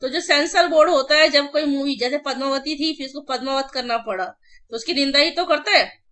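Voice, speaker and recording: A woman's voice: high voice, a little fast, fairly bright tone. A woman vocabulary teacher giving an online exam-prep class, chanting word lists over and over and explaining memory tricks in casual Hindi mixed with English. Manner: drills word lists in repeated chanting runs; addresses students familiarly.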